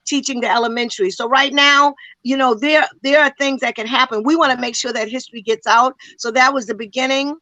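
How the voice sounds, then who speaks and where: A woman's voice: sits high, fairly even intonation, brisk, few pauses, bright, forceful tone, dry recording, low-quality recording. A woman community educator speaking with passion in a panel discussion, emphatic and full of rhetorical questions, a little out of breath.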